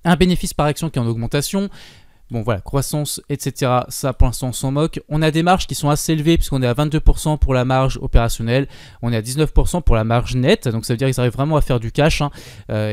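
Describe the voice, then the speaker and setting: Man, investing channel host, smooth clear voice, dry close sound, casual commentary full of fillers. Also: medium pitch, darkish tone, no echo. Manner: informal, many fillers and asides. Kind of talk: casual screen-share commentary.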